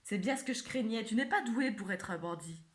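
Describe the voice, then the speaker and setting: A woman's voice: fairly high pitch, animated, fairly quick, close to an everyday voice. Worried hamster dad, woman doing him, earnest. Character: gruff bandit father hamster, proud and worried.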